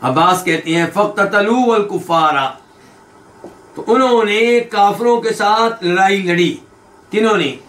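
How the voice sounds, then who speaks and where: A man teaching a hadith lesson. He quizzes his listeners with quick questions, and he recites quoted lines slowly before explaining them. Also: high-pitched, fairly bright tone. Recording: echoey room.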